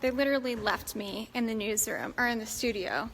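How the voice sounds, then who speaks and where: A woman's voice: on the high side, fairly quick, fairly bright tone. Easygoing woman host in an echoey newsroom. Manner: easygoing, organizing the crew. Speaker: morning show host. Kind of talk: casual off-air chat. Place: large TV newsroom. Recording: reverberant newsroom with background noise.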